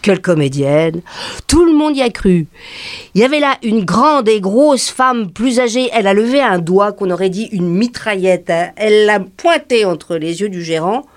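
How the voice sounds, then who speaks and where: An actress playing an excitable, bold working-class woman in a stage play, telling a story breathlessly and acting out the other people in it. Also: medium pitch, normal speed, dry recording, clean studio sound, close to an everyday voice. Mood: excited. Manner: animated, breathless gossiping, acts out every voice. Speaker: storyteller recounting to a friend.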